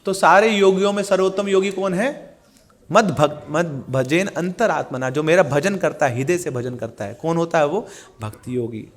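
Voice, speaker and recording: A middle-aged man from India teaching a scripture class in Hindi. He chants verses slowly and tells stories with lively acted-out voices for the people in them. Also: a little high. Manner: animated storytelling, acts out quoted characters. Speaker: Gita teacher.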